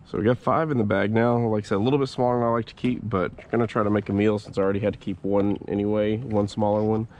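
The man's voice is fairly low and quick, with hardly any pauses and slight background noise. Casually recounting his kayak fishing on a swampy creek, he records with a head-mounted action camera and swears as freely as he chats.

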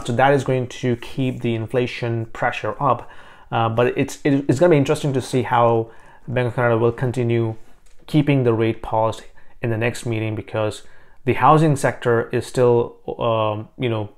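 Man, 30s, realtor vlogger, mid-pitched voice, casual commentary, thoughtful with filler pauses, lapel mic in a small home office. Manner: thoughtful, many fillers and restarts. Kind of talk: casual market commentary to camera.

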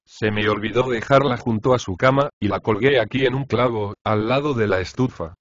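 A man's voice: mid-range voice, normal speed, dry recording, close to an everyday voice. A poor, self-pitying cook, read by a man. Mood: complaining. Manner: complaining and pleading. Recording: dry, slightly dull audiobook recording.

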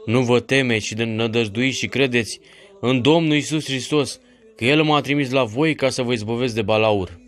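A man voicing a calm, fearless warrior saint in a read-aloud legend, speaking firmly and reassuringly. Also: mid-range voice, soft background music, lightly acted. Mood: commanding. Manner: firm, reassuring.

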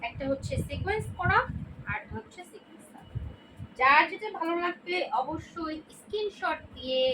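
A Bangladeshi woman with a Bengali accent casually showing off dresses for sale online, chatty and repeating prices and colors. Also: sits high. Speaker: online clothing seller. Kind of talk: casual product showcase. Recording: distant mic with noisy background.

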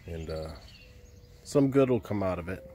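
A man in his thirties vlogging outdoors in a rural backyard, talking in a subdued, halting way with frequent pauses, into a phone held at arm's length. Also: low-pitched, animated, warm tone, slight background noise. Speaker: homestead vlogger. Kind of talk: casual vlog talk. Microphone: phone camera held at arm's length.

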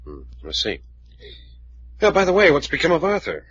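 An actor playing a brisk, proper adventurer in a 1940s radio drama, heard through an old AM radio broadcast. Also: male voice, a little high, wildly swooping pitch, fairly bright tone, husky, dry recording, heavily acted. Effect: old AM radio broadcast sound. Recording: dry, muffled old AM radio recording.

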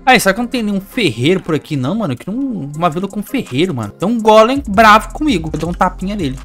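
Excitable Brazilian man commenting a game. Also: high voice, fast talker, faint music behind. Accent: Brazilian Portuguese. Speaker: gaming YouTuber. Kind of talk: Minecraft gameplay commentary.

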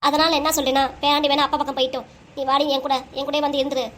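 Fast, high-voiced woman voicing a cartoon. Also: flat delivery, slight background noise. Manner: emotional, argumentative family talk. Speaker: voice actor for all the figures. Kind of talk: cartoon voice acting.

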